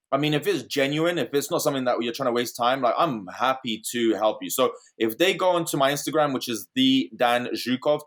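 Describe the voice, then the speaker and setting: A man's voice: medium pitch, a bit bright. A man from the United Kingdom, a guest on a podcast, giving earnest advice in a casual interview with small restarts.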